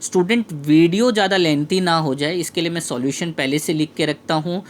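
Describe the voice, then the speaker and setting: A male math tutor with an Indian English accent, teaching a lesson and repeating key phrases slowly to his students. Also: on the high side, slight background noise. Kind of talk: classroom lesson.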